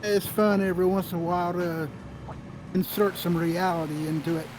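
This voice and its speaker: A man's voice: high-pitched, little pitch movement, normal speed. A man chatting casually with fellow players during a flight simulator session. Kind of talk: casual chat while flying in a flight simulator. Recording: noisy voice chat with engine drone.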